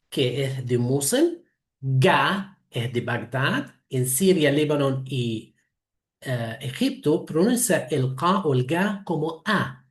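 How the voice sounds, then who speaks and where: Slow Arabic-accented man lecturing. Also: on the high side, echoey room. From Lebanon. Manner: slow, halting, with self-corrections. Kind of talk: online talk, explaining.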